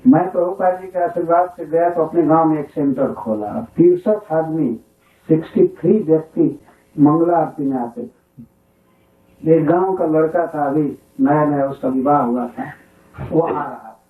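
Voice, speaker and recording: A man's voice: a little high, measured pace. A man giving a scripture talk as a spiritual teacher, telling stories from his own village, often chuckling and reciting Sanskrit verses. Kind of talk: sermon-style storytelling. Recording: echoey hall, distant phone-like lo-fi 1996 tape.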